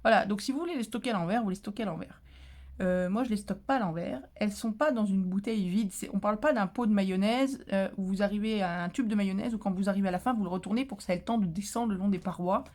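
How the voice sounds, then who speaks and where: A woman vlogger chatting casually about crafting, talkative and lively, with many fillers, restarts and playful indignant asides. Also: mid-range voice, fast talker.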